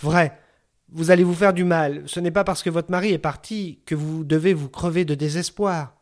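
In this lightly acted story reading, a man plays a bossy old neighbor woman, raising his voice higher and speaking at a moderate pace. Gruff and brusque, she scolds everyone and fusses on and on, never turning sweet.

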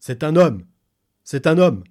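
A man voicing an excitable male ape-man who shouts his words over and over. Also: takes it slowly. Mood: excited. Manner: shrill, repetitive, loud exclamations.

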